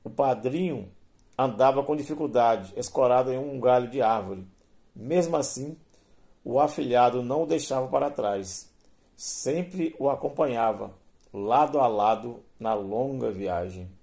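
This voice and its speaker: Man reading a story, slow and deliberate, warm mellow voice. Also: mid-range voice.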